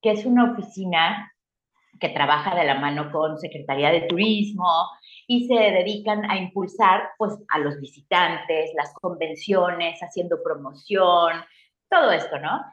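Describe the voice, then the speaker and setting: Guest, woman, middle-aged, Mexican accent; animated storyteller in a roomy, slightly dull recording. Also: fairly low pitch, a little slow. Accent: Mexican Spanish. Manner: animated, acts out her own past reactions. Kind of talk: casual storytelling interview.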